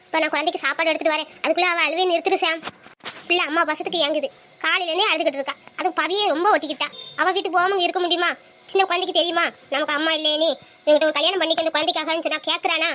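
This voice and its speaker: Brief: woman playing nagging grandmother, insistent and fast, very high and bright. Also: fairly even intonation, slight background noise. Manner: scolding, insistent. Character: worried grandmother nagging her son. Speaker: mother of the father. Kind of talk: home drama acting.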